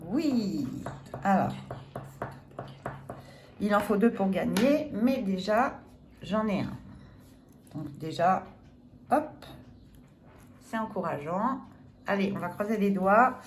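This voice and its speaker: A woman's voice: mid-range voice, expressive, slow, pauses often, slight background noise. A woman scratching a lottery ticket on camera, chatting casually and laughing at herself apologetically. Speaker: lottery scratch card vlogger. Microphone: phone or camera filming the ticket.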